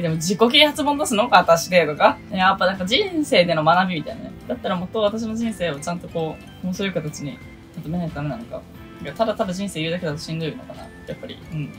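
A twenty-something woman from Okinawa, Japan, who works as an idol producer and vlogger, talks through a list of goals in a solo vlog. Her voice is low and casual, sprinkled with self-deprecating asides.

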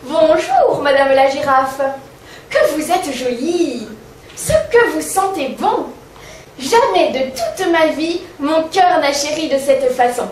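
Woman voicing a courtly flattering lion. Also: high voice, takes it slowly, slight background noise, full character voice. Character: smooth-talking charming male lion. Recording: echoey stage sound from far off.

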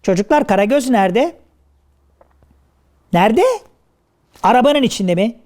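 A man voicing Hacivat, a pompous, learned gentleman in a traditional shadow puppet play, who talks in a preachy, lecturing way. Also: high-pitched, animated, measured pace. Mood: puzzled.

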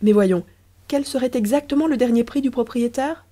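A woman voicing a smug, scheming husband who talks with wheedling, persuasive politeness in a storybook reading. Her voice is warm and mellow. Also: on the high side, normal speed, voice pushed up, close to an everyday voice. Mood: coaxing.

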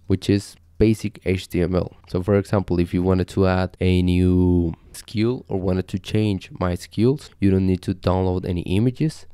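A young man from Costa Rica hosting a casual screen-share coding tutorial, talking in a relaxed, conversational way with frequent fillers. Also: deep voice, clean tone, no room sound, studio quality. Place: small home desk setup indoors.

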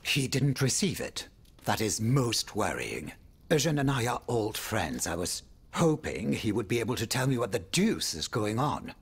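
In dramatic video game dialogue, a worldly French nobleman speaks at a moderate pace in a husky, highly expressive voice. Urbane, wry and world-weary, he is theatrical and courtly, worried and musing, swinging between exclamations and confiding, murmured asides.

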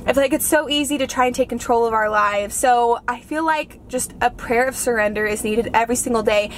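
A woman's voice: on the high side, fairly quick, a little hiss or hum. Bubbly young woman chatting in a car. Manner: gushing, heartfelt, lots of "like". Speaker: vlogger. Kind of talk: casual chat. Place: inside a parked car. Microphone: camera on the dashboard.

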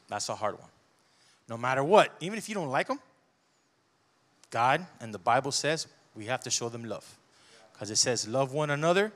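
Standing on a church stage with a handheld mic, a man in his forties preaches a sermon in a fairly high voice, conversational and animated, dropping in personal asides.

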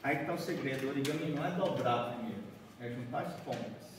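Here a man in his forties from Bahia, Brazil, talks fast at medium pitch over a noisy background. He runs an origami workshop for a seated group in a large conference room, chatting, walking, folding paper and checking in with "né?" and "certo?". The echoey hall is heard from afar through a room camera, with no mic in sight.

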